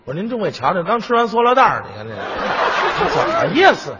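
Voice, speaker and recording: A man performing crosstalk as the lead comedian, telling an animated story and breaking into shouted acted quotes. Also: high-pitched, fast talker, heavy background noise. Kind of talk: Chinese crosstalk stage performance. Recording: echoey hall, dull lo-fi sound.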